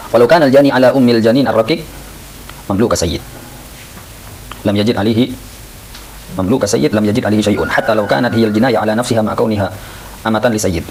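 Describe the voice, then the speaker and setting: A man teaching a lively lesson on Islamic law, who acts out little scenes in raised voices. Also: fairly low pitch, a little hiss or hum, low-quality recording. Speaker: Islamic boarding school teacher.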